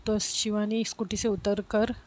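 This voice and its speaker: A woman's voice: mid-range voice, little pitch movement, unhurried, a little mellow. A woman telling a story in a casual, chatty way, with frequent fillers and restarts.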